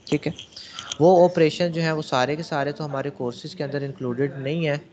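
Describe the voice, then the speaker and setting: A man's voice: a little high, steady tone, a little fast, darkish tone. A male programming teacher giving a classroom lecture, explaining step by step and answering his own questions to the class. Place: classroom with students.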